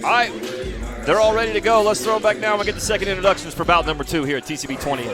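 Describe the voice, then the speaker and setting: A man's voice: sits high, very fast. A man doing live play-by-play commentary at a combat sports event. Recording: live event with crowd and music. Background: crowd noise and music.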